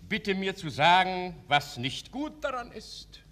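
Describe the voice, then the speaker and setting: Pompous vain playwright, high voice, very sharp n forceful, declaims everything, comedy play. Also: male voice, big pitch swings, slow pace, a little hiss or hum, exaggerated voice. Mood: insistent. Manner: pompous, insistent, theatrical declaiming. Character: vain, persuasive playwright reading out his play.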